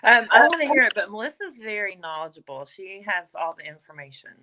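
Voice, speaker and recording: A woman's voice: mid-range voice, very animated, a little fast, noisy background. A woman chatting casually as a co-host. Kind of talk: casual chat.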